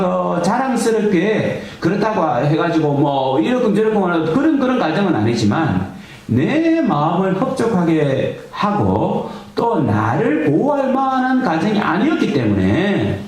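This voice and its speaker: Man, pastor, conversational sermon, rhetorical questions, animated pitch, very echoey church hall. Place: church sanctuary.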